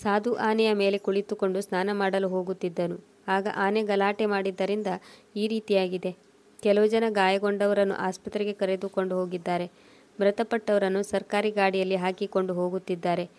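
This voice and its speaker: A woman voicing a helpful man at a fair who calmly explains what happened. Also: mid-range voice, normal speed, natural voice. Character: helpful male pilgrim at a fair.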